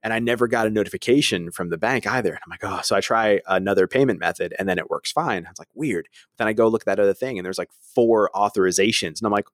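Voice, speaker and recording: A man co-hosting a casual podcast chat, telling stories with lively acted-out quotes and frequent laughs. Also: lowish voice, quick pace, few pauses, dry recording, clean studio sound. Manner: animated storyteller, acts out voices, laughs often. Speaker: podcast co-host.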